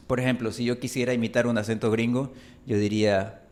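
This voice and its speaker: A man's voice: mid-range voice, flat delivery, a little fast, darkish tone. A man teaching Spanish pronunciation, a native speaker who enunciates carefully and draws out his example vowels. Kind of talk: pronunciation lesson.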